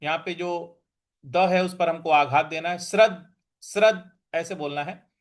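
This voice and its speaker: A man teaching pronunciation of a Sanskrit verse. He chants each word slowly and then explains the rules quickly. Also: fairly high pitch, steady tone. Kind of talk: slow recitation lesson with pronunciation drills.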